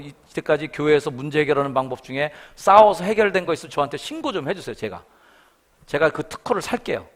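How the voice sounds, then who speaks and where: Man, middle-aged, church sermon, lively rising and falling pitch, slightly high voice, acts out quoted voices. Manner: animated storytelling, acting out quoted voices. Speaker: guest revival preacher. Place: church sanctuary.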